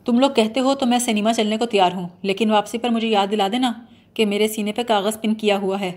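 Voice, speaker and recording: A woman's voice: mid-range voice, steady tone, a little mellow, close to an everyday voice. A woman reading the part of a bumbling, mock-serious young man who blusters and lectures pompously.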